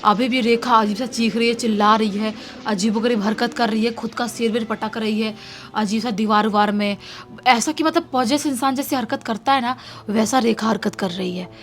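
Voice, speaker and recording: A woman's voice: a little high, fairly even intonation, normal speed. A woman narrating a horror story in a casual, conversational way, repeating lines for emphasis.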